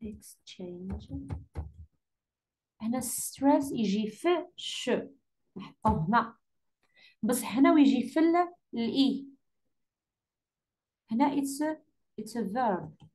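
A woman's voice: a little high, animated, a little mellow. Patient Algerian woman teaching English. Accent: Algerian Arabic. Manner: patient, repeats key words slowly. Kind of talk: exam correction lesson.

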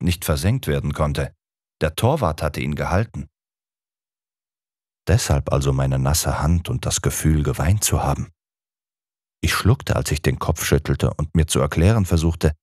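A male narrator reads an audiobook in the first person with steady, measured storytelling. His voice sits extremely low. The recording is dry and close, with no room around it. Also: no echo.

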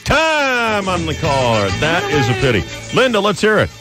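A man's voice: high voice, huge pitch swings, over loud music. A man hosting a radio morning show, teasing callers as they tell jokes. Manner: wisecracking, quick to tease callers. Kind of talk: casual radio banter taking joke calls.

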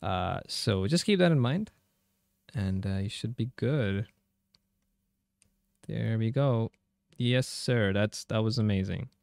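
A man's voice: on the low side, expressive, slow, vocal fry, pauses often, a little mellow, dry recording, clean studio sound. A man giving casual, chatty gameplay commentary and tech walkthroughs as a video host, in an informal way. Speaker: host of a handheld gaming tech channel.

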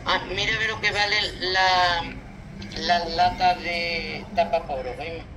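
A woman, the mother of the vlogger, giving slow, unhurried advice over a phone call. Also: fairly low pitch, steady tone, pushed and bright, a little hiss or hum.

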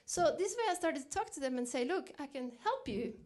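A woman's voice: high-pitched, animated, a little fast, darkish tone. A middle-aged woman from Norway, giving a reflective storytelling dinner keynote, lifting her voice when she quotes herself. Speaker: keynote speaker.

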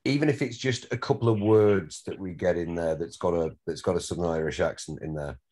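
Northern English director, very low voice, rambling casual notes. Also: male voice, fairly quick, mellow. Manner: rambling, repeats words, swears casually. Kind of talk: giving notes at a script read.

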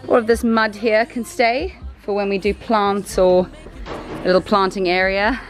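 A young woman chats casually to the camera in a home renovation vlog, moving from room to room, self-deprecating and swearing lightly. Her voice is medium-pitched with little pitch movement and a measured pace, over soft background music. It sounds recorded on a handheld camera or phone held at arm's length.

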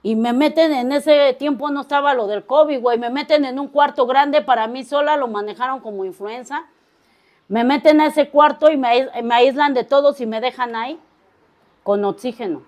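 Middle-aged woman with a Mexico City accent, testimony speaker, blunt and foul-mouthed, high-pitched. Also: moderate pace, darkish tone. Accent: Mexico City Spanish. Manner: blunt, crude, slang-heavy storytelling. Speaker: speaker at a recovery meeting. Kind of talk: personal testimony to a group.

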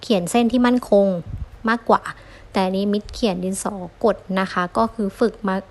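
A woman's voice: mid-range voice, steady tone, fairly quick, darkish tone. A young woman giving a friendly online lesson, patiently sounding out syllables one at a time for learners. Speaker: Japanese language teacher.

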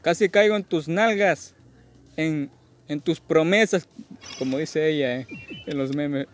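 A man's voice: fairly high pitch, measured pace, heavy background noise. A tipsy man gives casual gameplay commentary as a host, rambling, repeating himself and joking crudely. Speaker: gaming video host.

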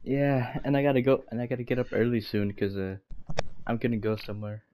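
A young man on a voice call with friends, making deadpan jokes and tripping over his words as he restarts. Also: medium pitch, a little fast, noisy background. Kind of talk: casual chat with friends.

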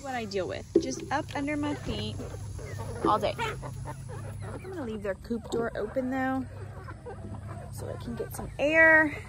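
A young woman talks casually into a phone held at arm's length, chatting to the camera and to her chickens. Her voice sits a little high. Clucking hens and yard noise come through clearly behind her. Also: unhurried, long pauses. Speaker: homestead vlogger. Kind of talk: casual vlog chat. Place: backyard chicken run outdoors and home kitchen. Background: chickens clucking and roosters crowing.

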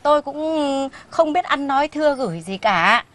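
A woman's voice: high-pitched, expressive, normal speed, a bit bright. An actress with a Northern Vietnamese accent playing a scolding, sarcastic elderly mother-in-law in a sitcom. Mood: indignant. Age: older. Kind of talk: sitcom acting.

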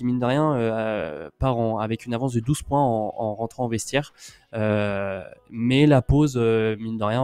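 A man's voice: mid-range voice, a little mellow, clean tone, dry recording. A man co-hosting a casual streamed sports talk show, recapping games with lots of fillers and restarts as he reels off stats. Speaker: co-host of a women's basketball talk show.

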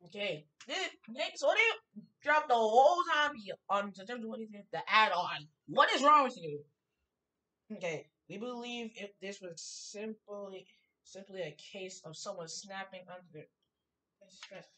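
A woman streaming a horror game, reading in-game notes aloud and breaking into loud exclamations and commentary. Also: mid-range voice, normal speed, recorded from a distance, rough recording. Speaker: gaming streamer. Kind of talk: let's play commentary.

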